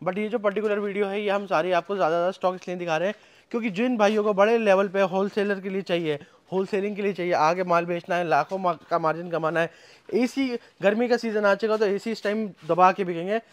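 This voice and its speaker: A young man vlogging while walking through a large indoor warehouse, hyping the stock to his viewers in a fast promotional style. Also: high-pitched, steady tone. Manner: hype-driven, addresses viewers as friends.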